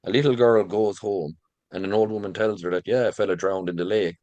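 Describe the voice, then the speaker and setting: Irish man, middle-aged, deep voice, lilting informal storyteller delivery, very dry sound. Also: fairly even intonation, fairly quick, warm tone, dry recording, highs cut off. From rural Ireland. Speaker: visitor centre manager and local folklore storyteller.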